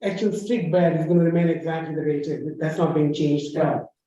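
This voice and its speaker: A community board member pressing a presenter with questions at a public meeting, slowing down to repeat himself. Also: male voice, on the high side, steady tone, mellow, a little hiss or hum. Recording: dull, very echoey room audio.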